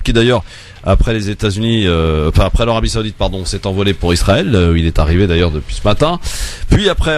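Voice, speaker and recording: A man hosting a call-in radio talk show, moving briskly between news items and callers with frequent filler hesitations. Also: fairly low pitch, slight background noise. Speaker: radio host.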